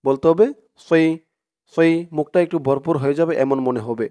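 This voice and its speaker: A man teaching Quran reading, slowly reciting verses and then explaining pronunciation in quick asides. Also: mid-range voice, warm tone. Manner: slow drawn-out recitation alternating with quick explanations. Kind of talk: recitation lesson with call-and-repeat.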